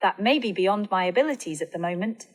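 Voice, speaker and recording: A synthetic woman's voice as a female virtual assistant, smooth, polite and measured, played from a tablet speaker. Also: medium pitch, animated, lightly acted.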